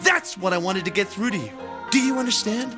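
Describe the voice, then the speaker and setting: Fervent, swooping math teacher. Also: male voice, high-pitched, lively intonation, brisk, over music. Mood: fervent, exalted. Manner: theatrical, fervent lecturing. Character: passionate, idealistic male math teacher. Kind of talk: animated drama dub.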